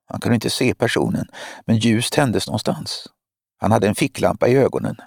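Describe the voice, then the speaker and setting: Gravelly low-voiced male audiobook narrator. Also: animated, no echo, studio quality. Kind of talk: scripted narration.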